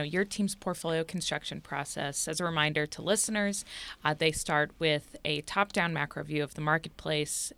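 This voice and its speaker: A woman's voice: low voice, a bit bright. A woman hosting a financial interview, putting prepared questions to a guest. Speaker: interview host.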